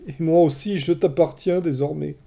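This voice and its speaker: A man voicing a cunning, seductive sorceress in a storybook reading, lifting his voice into a gentle, coaxing tone. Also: fairly high pitch, fairly even intonation, normal speed, gravelly, voice pushed up. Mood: pleading.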